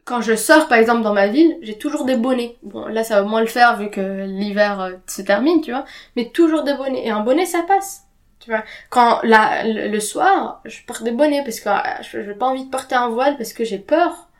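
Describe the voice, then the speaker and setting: At normal speed and a fairly high pitch, a young native Arabic speaker shares a candid account of her life in casual podcast conversation. Her speech is slangy and informal, with the odd English word mixed in.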